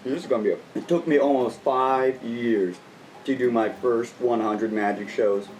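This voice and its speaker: A man's voice: mid-range voice, moderate pace, darkish tone, far from the mic, a little hiss or hum, rough recording. A man in his late twenties talking to camera like a kids' party magician, with playful, exaggerated showmanship. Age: late 20s. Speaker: magician and video host.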